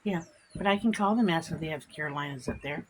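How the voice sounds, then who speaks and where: A woman vlog host chats casually to the camera outdoors among birds and insects, her deep voice fast and stuffed up from allergies. She rambles and repeats herself, with background noise in the recording.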